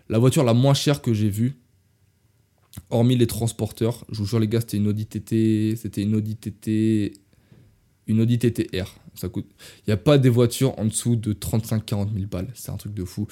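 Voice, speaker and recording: A young French man with a lowish, dark-toned voice speaks fairly quickly and with fairly even intonation. His casual travel podcast meanders, with frequent restarts and self-corrections, and he talks directly to the audience as "les gars."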